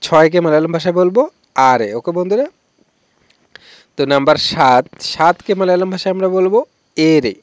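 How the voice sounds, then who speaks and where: A man teaching Malayalam numbers in a YouTube lesson, slowly repeating each word and keeping up a steady stream of "okay friends.". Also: a little high, dry recording, studio quality. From Bengal. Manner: repetitive, keeps saying "okay friends". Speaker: language teacher.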